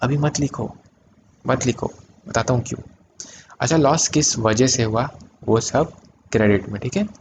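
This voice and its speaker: A man teaching an accounting lesson in mixed Hindi and English, asking his students questions and answering them himself, with sudden loud emphatic bursts. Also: mid-range voice, normal speed, pauses often, background noise. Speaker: commerce teacher. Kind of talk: classroom-style video lesson.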